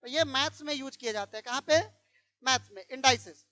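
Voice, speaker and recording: A woman with a high voice teaches grammar to a room of pupils. She fires questions at them and repeats each one until they answer. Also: brisk, fairly bright tone, dry recording. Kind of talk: classroom grammar lesson. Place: classroom.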